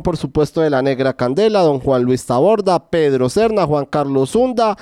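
Smooth-voiced male radio news anchor. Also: fairly high pitch, a little mellow, no room sound, studio quality. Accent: Colombian Spanish. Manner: announcing times and handing over to reporters.

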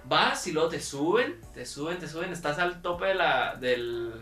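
A young man with a Mexican accent tells stories with lots of energy and slang, laughing as he goes. His voice is bright and a little high. It sounds like an echoey room with faint music underneath. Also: moderate pace, recorded from a distance. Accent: Mexican Spanish. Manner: animated storytelling, laughs often, slangy. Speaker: podcast co-host. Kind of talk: casual chat.

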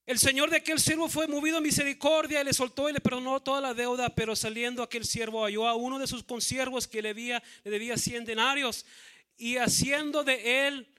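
A man pastor preaching a sermon, slowing to stress key words, often saying amen and repeating words. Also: very high voice, steady tone, pushed and bright.

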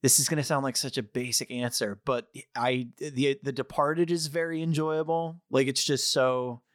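A man co-hosting a film podcast, talking casually in a thoughtful, halting way. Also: medium pitch, fairly even intonation, no room sound, clean studio sound. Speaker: podcast co-host.

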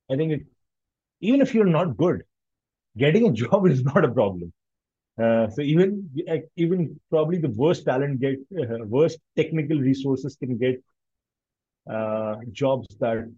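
A man's voice: medium pitch, warm tone, dry recording, highs cut off. A man with a Pakistani accent talking analytically in casual conversation, often rephrasing himself mid-sentence.

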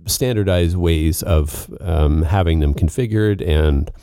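A man with a very low, mellow voice talks in a casual podcast, laying out technical ideas plainly and patiently. The sound is dry and close. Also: slow pace, clear, resonant tone, no room sound. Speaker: co-host.

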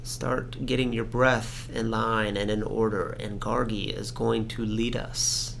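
A man with a mid-pitched, creaky voice talks as a podcast host, casual and reflective. His delivery is halting and thoughtful. There is faint noise in the recording. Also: little pitch movement, fairly bright tone.

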